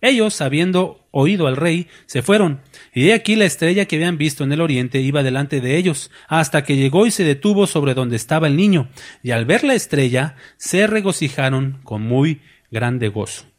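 A man preaching a sermon as pastor, lively, asking the congregation questions and acting out voices. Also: on the high side, moderate pace.

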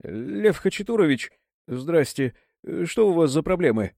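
A man voicing a nervous young man who talks in a hurried, placating way. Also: on the high side, very animated, gravelly, mellow, no room sound, studio quality, pitched above the performer's own voice, exaggerated voice. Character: nervous eager young man smoothing things over.

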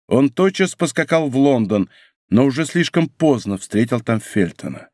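A man narrating an adventure novel as an audiobook in a dramatic, expressive reading style. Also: medium pitch, no echo, studio quality. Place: recording studio.

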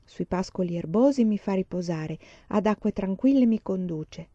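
Mary, a woman reading a gentle pious blind girl. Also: medium pitch, animated, normal speed, no echo, highs cut off, natural voice.

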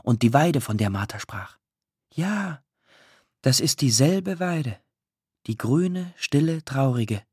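Expressive, husky male audiobook narrator. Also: mid-range voice, no echo, clean studio sound. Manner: expressive, emotional reading with drawn-out pauses. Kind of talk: scripted literary narration.

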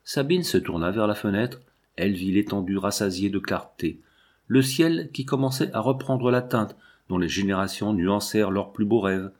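A man narrating a novel aloud as an audiobook reader, in a measured, even way. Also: on the low side.

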